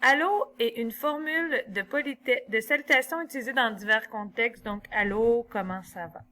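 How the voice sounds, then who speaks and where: A woman's voice: on the high side, expressive, normal speed, pushed and bright. A woman, explaining an online exercise step by step as a teacher and thinking aloud as she goes. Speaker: French teacher. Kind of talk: tutorial walkthrough of an online exercise.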